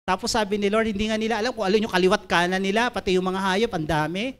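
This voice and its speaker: Emphatic woman preaching a sermon. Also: mid-range voice. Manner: emphatic, reads scripture slowly, asks listeners to repeat phrases to their neighbor.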